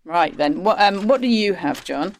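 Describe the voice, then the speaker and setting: A woman hosting a panel chat, brisk and teasing as she passes to her guests. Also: fairly low pitch, animated. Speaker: host.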